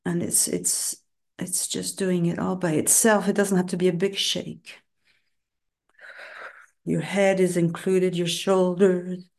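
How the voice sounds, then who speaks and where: A woman guiding a body relaxation and breathing session, speaking slowly and soothingly in short phrases with long pauses, sometimes dropping to a soft whisper. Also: lowish voice, flat delivery. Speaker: meditation guide.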